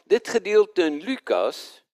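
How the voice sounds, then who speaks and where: A man preaching a sermon, retelling Bible stories in a lively, colloquial way and acting out the voices of people in them. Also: sits high, takes it slowly, dry recording, studio quality. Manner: plain colloquial Dutch, with slips and restarts.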